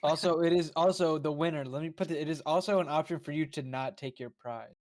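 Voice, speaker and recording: A man's voice: on the high side, fast, darkish tone, no echo. A man hosting a casual contest in an online voice chat, announcing in a bossy, mock-formal way. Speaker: host of an online burping contest. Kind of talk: casual game-show banter on a group voice chat. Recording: noisy voice-chat mic with keyboard clicks.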